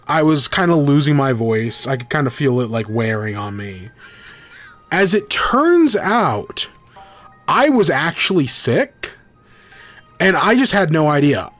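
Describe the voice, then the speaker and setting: This young gaming podcast host has a slightly bright voice on the high side. He's stuffed up from a cold and his throat is scratchy. His casual livestream chat rambles, and he often corrects himself.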